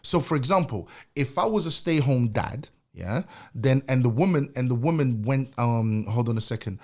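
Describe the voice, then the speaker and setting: A man's voice: medium pitch, animated, moderate pace, a little mellow. A young adult man co-hosting a podcast, arguing his point emphatically in casual chat, repeating himself and laughing between points. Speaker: podcast co-host.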